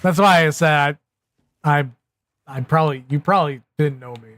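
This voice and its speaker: Streamer, male, 30s: slightly high voice, dry, self-mocking rambler. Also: normal speed, a bit bright, no room sound. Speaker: livestreamer. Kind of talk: casual live-stream chat.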